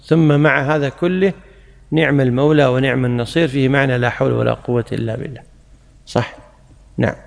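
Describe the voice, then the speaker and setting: A man teaching a traditional religious study circle, correcting a student's reading in a measured way with brief approvals and corrections. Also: mid-range voice, fairly even intonation, vocal fry, in a large hall.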